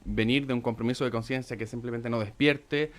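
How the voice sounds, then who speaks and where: Middle-aged male doctor, radio guest, methodical and calm, ordinary-pitched voice. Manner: calm, methodical explainer with filler pauses. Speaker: physician guest. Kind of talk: explanatory radio talk.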